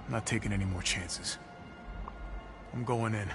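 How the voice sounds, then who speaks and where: Game role: actor plays stern commanding captain, low and curt. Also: male voice, fairly even intonation, moderate pace, over music, close to an everyday voice.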